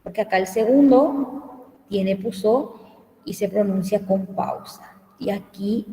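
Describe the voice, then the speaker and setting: A woman lecturing at an unhurried pace, pausing often to check that her students are following. Her voice sits back from the microphone, and the room around her rings with a long, echoing tail. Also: medium pitch, mellow. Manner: slow, explanatory, checks understanding with frequent "¿sí?". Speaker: Guarani language teacher. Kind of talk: online class lecture. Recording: echoey room, voice from far off the mic.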